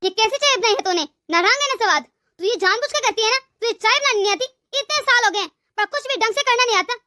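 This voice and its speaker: A shrill, very high-pitched cartoon mother-in-law, voiced by a woman, who scolds and berates without pause. She is cruel and bossy, and her voice sits dry and close with no room around it. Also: lively intonation, sharp tone, no echo, heavily acted. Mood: scolding. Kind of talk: cartoon story voice acting.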